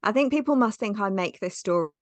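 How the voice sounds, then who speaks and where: A woman's voice: mid-range voice, animated, fast talker, dry recording. A woman in her thirties talks as a podcast guest, telling a personal story in a chatty, rambling way. Her speech is full of "like" and "um." The recording is close and dry, with little room sound. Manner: chatty, lots of "like" and "um". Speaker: podcast guest, business mentor. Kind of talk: casual storytelling interview.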